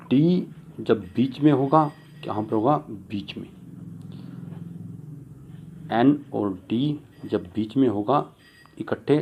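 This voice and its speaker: A man with a low, mellow, slightly husky voice explains pronunciation at an unhurried pace. He poses questions to himself and answers them, and he repeats each key word, switching between Hindi and English. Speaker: English teacher. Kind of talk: classroom-style tutorial.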